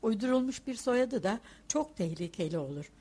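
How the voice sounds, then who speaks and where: A woman narrating a literary audiobook in a measured, expressive reading voice. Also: fairly high pitch, husky. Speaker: audiobook reader.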